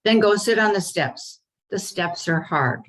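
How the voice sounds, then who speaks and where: Lady doing a stern dragon librarian from a kids storybook, scolding, pitched up a little. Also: expressive, unhurried, fairly bright tone. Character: strict female librarian seen as dragon.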